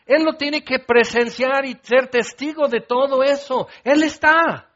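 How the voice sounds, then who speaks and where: Middle-aged man preaching, high-pitched voice, lively and theatrical, slightly muffled recording. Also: a little slow. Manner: animated, acts out scenes with shouts and laughs. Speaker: pastor. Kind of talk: sermon.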